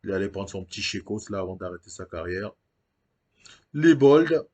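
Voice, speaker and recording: Male gaming host, fairly low voice, loose commentary with many hesitations. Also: little pitch movement, quick pace. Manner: thinks aloud with frequent hesitations. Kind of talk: casual game commentary.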